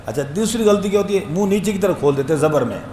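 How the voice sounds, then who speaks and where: A man teaching Quran recitation, his voice sitting a little high for a man. He talks conversationally and draws each letter out in long sung demonstrations. The sound is echoey, with a faint hum underneath. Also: expressive, a little mellow. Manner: tells anecdotes with humor.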